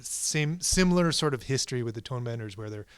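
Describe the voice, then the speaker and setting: A male co-host speaking in a calm, measured manner about guitar gear. His sound is dry and close to the mic, with no room around it, and he sometimes restarts a phrase as he thinks. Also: medium pitch, smooth, dry recording. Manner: measured, thoughtful, some stammered restarts. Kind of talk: casual gear chat.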